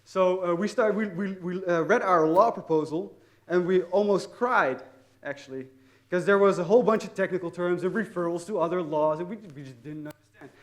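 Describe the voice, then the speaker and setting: A man's voice: high-pitched, fairly quick. A young man with a Dutch accent telling an audience about his student project, often repeating words and poking fun at himself. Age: young adult. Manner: hesitant, repeats words often, self-mocking humor. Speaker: student speaker. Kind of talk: personal story told to an audience.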